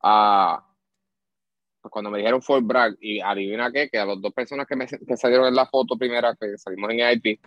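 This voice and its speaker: A man's voice: mid-range voice, brisk, no room sound, highs cut off. A young Puerto Rican man, an army sergeant, telling stories in a casual interview with a Puerto Rican Spanish accent. He acts out the voices of the people in his stories and drops English phrases into his talk. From Puerto Rico. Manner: animated storyteller, mixes English phrases, acts out quoted voices. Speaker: guest, army supply sergeant.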